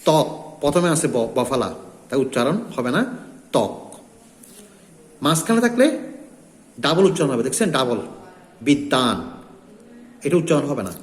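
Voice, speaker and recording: Bengali teacher in an echoey room. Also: male voice, a little high, big pitch swings, quick pace. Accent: Bangladeshi Bengali. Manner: repetitive, emphatic instructional delivery. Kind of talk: recorded lesson explaining pronunciation rules. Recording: echoey room with long reverb.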